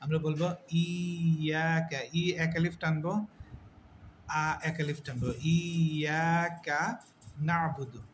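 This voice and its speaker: A man teaching Quran recitation rules step by step, slowly repeating each word and answering his own questions. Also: on the high side, fairly even intonation, slight background noise. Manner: repeats words slowly, asks and answers himself. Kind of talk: slow step-by-step lesson.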